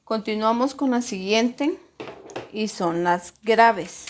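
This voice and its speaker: Woman, teacher, recorded lesson, slow deliberate delivery, stressed syllables, slightly high voice. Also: slight background noise. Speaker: primary school teacher.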